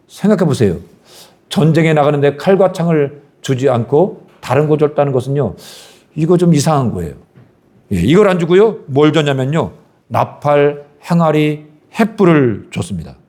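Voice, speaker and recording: A middle-aged man preaches with great swings of pitch, climbing high and loud when he exhorts. Then he falls to a quiet, chatty tone for asides to the congregation. He is a pastor who freely admits he shouts a lot from the pulpit. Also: lively intonation, moderate pace. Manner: shouts often while preaching. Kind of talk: sermon.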